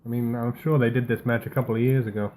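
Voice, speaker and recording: A man's voice: mid-range voice, flat delivery, quick pace, mellow. Sarcastic man hosting a wrestling podcast. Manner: dry and sarcastic. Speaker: podcast host. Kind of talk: casual chat.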